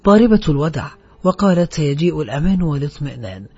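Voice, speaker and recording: A man's voice: on the high side, big pitch swings, quick pace, mellow, slightly rough, heavily acted. A man voicing a tired, beaten young woman who talks weakly and sadly. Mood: sorrowful. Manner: weak, sorrowful speech. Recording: dull lo-fi audiobook track.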